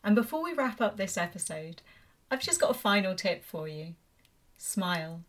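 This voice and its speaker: A woman's voice: medium pitch, big pitch swings, brisk. A woman hosting a podcast, reading a friendly, upbeat outro with a smile in her voice. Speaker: podcast host.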